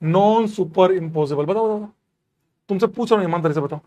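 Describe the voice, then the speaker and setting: A man's voice: high-pitched, fast, mellow. A man lecturing a chemistry class, repeating questions and quizzing his students, mixing terms into his speech. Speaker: chemistry teacher.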